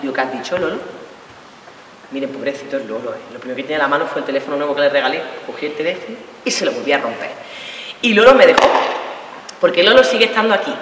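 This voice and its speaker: Fast, lively woman performing a monologue. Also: low voice. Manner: lively, earthy, acts out scenes. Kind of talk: live theatrical monologue. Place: lecture hall with audience. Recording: echoey hall, distant mic, faint noise.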